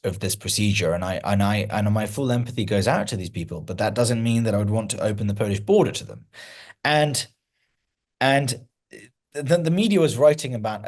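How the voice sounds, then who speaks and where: A man with a fairly low voice gives long interview answers. He explains things step by step in a measured way, and he often doubles back to restart a phrase before going on. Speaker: interview guest, founder of a news account.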